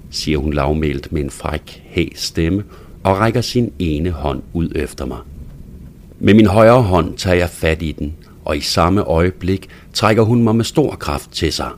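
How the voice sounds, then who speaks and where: A man reading a first-person story aloud in a hushed, intimate manner that sometimes drops to a whisper. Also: low-pitched, slight background noise. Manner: hushed, intimate delivery, dropping to a whisper at times. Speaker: narrator.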